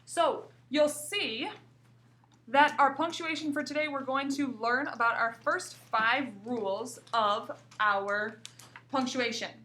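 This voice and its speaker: A woman teacher giving a recorded grammar lesson to young pupils, explaining slowly and reading example sentences aloud. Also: high-pitched, bright, forceful tone. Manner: slow, clear explaining with examples read aloud. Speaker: grade school teacher.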